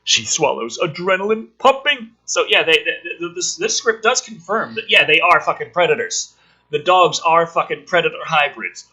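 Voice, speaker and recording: A man with a slightly high, animated voice, pushed and bright with a breathy edge, speaks at normal speed on poor audio. A touch of illness has given him throat trouble. Hosting, he reads a film script aloud and ridicules it, his running commentary ranting, joking, sweary, sarcastic and exasperated.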